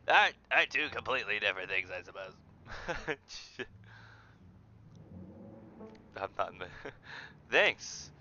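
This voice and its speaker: A man's voice: fairly high pitch, bright, forceful tone, muffled recording, a little hiss or hum, voice pushed up. A man doing a bubbly Southern cleaning lady. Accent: Southern US, put on. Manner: bubbly, overeager, chatty. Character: chirpy red-haired Southern cleaning lady.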